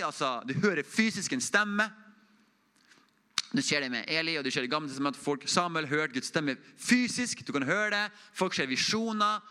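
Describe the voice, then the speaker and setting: Earnest young man preaching a testimony. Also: a little high. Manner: earnest and conversational, dropping to a hush on intimate moments. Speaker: preacher giving a mission report. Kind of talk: informal testimony sermon. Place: church.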